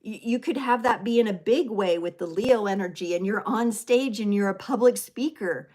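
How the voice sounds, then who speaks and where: A woman's voice: mid-range voice, moderate pace, a little mellow. A woman in her thirties hosting a live tarot stream, talking in an earnest, emotional way, a little teary, with lots of fillers and "right?". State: teary, sniffling. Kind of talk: live stream spiritual talk.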